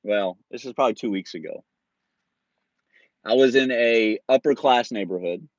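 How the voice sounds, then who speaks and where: A man in his forties tells a story to his viewers in a relaxed, joking way, with mild swearing and laughter. His voice sits at an ordinary middle pitch. The audio is dull and lo-fi, and it sounds dry and close. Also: moderate pace, no echo. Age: 40s. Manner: laid-back, swears freely, laughs through his story. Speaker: streamer.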